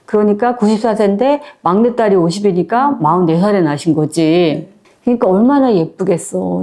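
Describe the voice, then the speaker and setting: A woman's voice: fairly high pitch, darkish tone. A woman casually retelling a short story in a chatty, conversational way, with plenty of fillers. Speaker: book storyteller.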